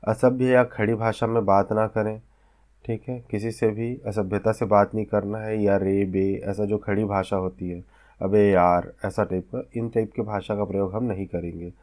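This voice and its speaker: Man, vocational instructor, slightly low voice, step-by-step classroom lecture, keeps checking in with students. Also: flat delivery, moderate pace, darkish tone. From India. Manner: explains step by step, often checks with "theek hai?".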